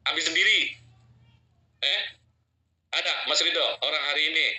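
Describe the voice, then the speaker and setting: A man preaching casually, acting out voices as he tells stories and teases his listeners. His voice is bright and sharp, sitting a little high. The sound has a radio-like quality. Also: moderate pace, rough recording. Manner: lively storyteller acting out voices, jokes with audience. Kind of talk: casual sermon storytelling.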